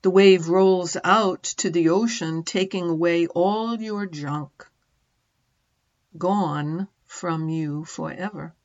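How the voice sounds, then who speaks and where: On a muffled recording, a middle-aged woman with a lowish voice leads a guided meditation as a teacher. Her delivery is gentle, with brief measured phrases and long silences between them.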